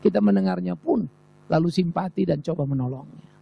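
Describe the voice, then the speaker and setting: A man's voice: fairly high pitch, brisk, gravelly, highs cut off, slight background noise. A man preaching a sermon as a pastor, emphatic and rhetorical, repeating phrases for effect. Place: church service.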